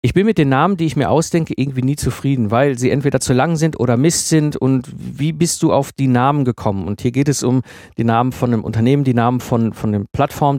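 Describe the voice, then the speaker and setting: A man's voice: mid-range voice, darkish tone, no room sound, clean studio sound. A man hosting a podcast, giving casual spoken advice to listeners, thinking aloud with many fillers and restarts. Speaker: podcast host answering listener questions.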